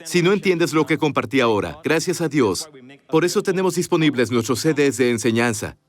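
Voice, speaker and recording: A man's voice: medium pitch, animated, brisk. A man giving a dubbed sermon voice-over, preaching emphatically and asking the congregation rhetorical questions, recorded in a voice-over studio.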